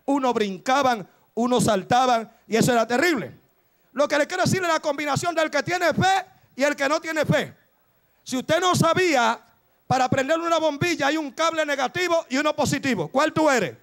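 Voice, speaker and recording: A man preaching a fervent Pentecostal sermon who shouts and exhorts in bursts, repeating his phrases. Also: very high voice, moderate pace.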